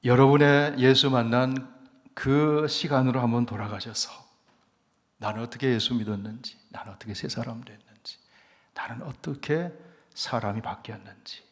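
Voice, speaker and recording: A middle-aged male pastor delivers a midweek sermon in a church sanctuary, his voice carrying a long reverb tail. He sits at a middle pitch for a man, hushing to near-whispers and then surging into loud, emphatic lines. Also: steady tone, normal speed, long pauses. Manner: swings between hushed near-whispers and loud emphatic rises.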